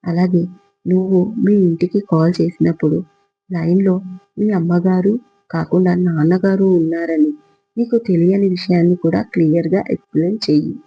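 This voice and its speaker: A man voicing a confident young male friend who gives brisk, bossy, reassuring advice, in a storybook reading. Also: sits high, steady tone, creaky, slightly rough, muffled recording, soft background music, exaggerated voice.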